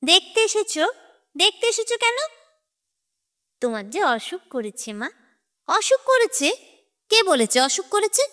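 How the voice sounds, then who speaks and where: A woman voicing a distraught older mother who is mentally unwell and lashes out in shrill, erratic outbursts. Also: sing-song, unhurried, pauses often, a bit bright, exaggerated voice. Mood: agitated.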